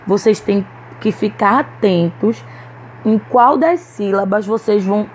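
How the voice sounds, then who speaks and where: A woman's voice: mid-range voice, measured pace, slight background noise, poor audio. A woman teacher with a Brazilian Portuguese accent giving a recorded lesson to young children, patiently sounding out words syllable by syllable. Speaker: primary school teacher. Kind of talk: recorded online class.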